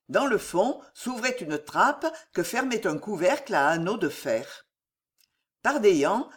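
A reader giving measured, expressive narration of a historical novel. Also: mid-range voice. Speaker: audiobook narrator.

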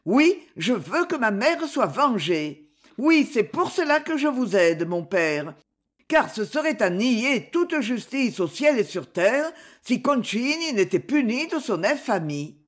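Une lectrice jouant une jeune noble ardente et inquiète. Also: female voice, fairly high pitch, sing-song, measured pace, voice pushed up. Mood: vengeful. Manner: raised, pleading, emotional tone. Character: young noblewoman, anxious and passionate daughter. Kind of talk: audiobook reading.

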